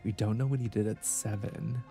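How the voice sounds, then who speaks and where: A man's voice: fairly low pitch, steady tone, normal speed, gravelly, warm tone, soft background music. A man hosting a let's play, thinking aloud and musing over clues in casual gameplay commentary.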